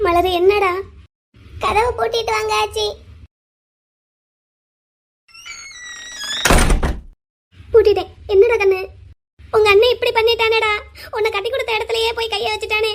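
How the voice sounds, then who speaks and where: A fretful old cartoon grandmother, voiced by a woman, with a very high, shrill voice. She laments and exclaims over the family, protective and quick to scold. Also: flat delivery. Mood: anxious. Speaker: grandmother called Aachi. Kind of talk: cartoon voice acting.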